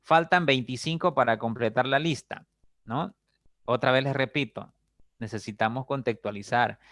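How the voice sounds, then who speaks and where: A man's voice: medium pitch, normal speed, fairly bright tone, no room sound, studio quality. A man teaching a recorded grammar lesson, explaining patiently, repeating examples and checking in with frequent short questions to his students.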